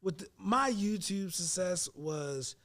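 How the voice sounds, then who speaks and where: A man in his late thirties tells stories in a casual podcast chat, full of slang and acted-out quotes. His voice sits a little higher than most men's. He keeps the talk loose and animated. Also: takes it slowly. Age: 30s. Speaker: host.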